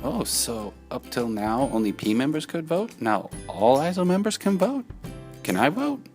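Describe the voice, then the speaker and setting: Casting: a woman to play a goofy, curious sock puppet for an explainer, low-voiced and hugely animated, exaggerated and silly. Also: normal speed, soft background music, full character voice. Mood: curious, playful. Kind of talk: scripted comic explainer dialogue.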